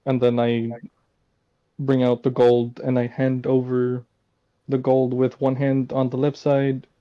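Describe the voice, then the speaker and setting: Man, mid-pitched voice, laid-back tentative game player, casual role-play chat, dull lo-fi mic. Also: completely flat delivery, a little slow.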